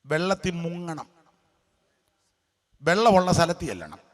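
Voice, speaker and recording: A man from preaching a sermon, animated, breaking into hymn lines and dropping to hushed voices to act out scenes. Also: fairly high pitch, unhurried. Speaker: pastor.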